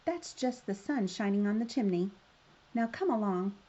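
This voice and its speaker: A woman's voice: medium pitch, lively intonation, moderate pace, dark tone, highs cut off, natural voice. A woman reading the part of a cold-hearted stepmother in a storybook, curt and scolding. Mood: bossy, scolding. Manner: curt, bossy.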